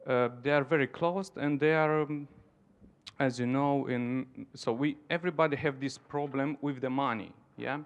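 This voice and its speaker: A Romanian man with a Romanian accent speaks non-native English in a mid-range, steady, clean voice at normal speed, captured with lo-fi sound. He founded a dance centre and is taking part in an informal conference talk, searching for words as he goes.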